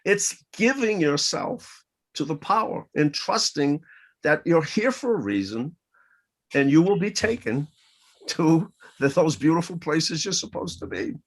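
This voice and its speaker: A man speaking as a guest over a video call, telling stories in an earnest, animated way. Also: on the high side, measured pace, poor audio. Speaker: interview guest. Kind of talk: casual interview.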